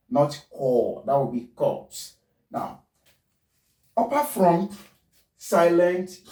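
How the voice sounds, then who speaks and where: Male phonetics teacher, deliberate drill-like delivery, dark timbre, echoey room. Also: on the high side. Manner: spells words letter by letter, repeats them slowly. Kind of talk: pronunciation lesson. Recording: roomy, distant mic.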